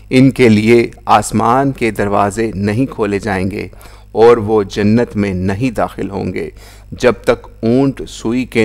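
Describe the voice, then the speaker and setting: A man reading a scripture translation aloud in a solemn, measured recitation, lifting his voice into raised declamation at the quoted cries. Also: on the low side. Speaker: Quran translation reader.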